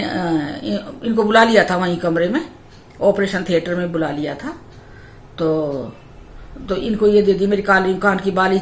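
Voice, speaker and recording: A woman vlogger telling her birth story in a lively, repetitive way. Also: mid-range voice. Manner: animated storytelling with many repetitions. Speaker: mom vlogger. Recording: echoey room with faint ambient noise.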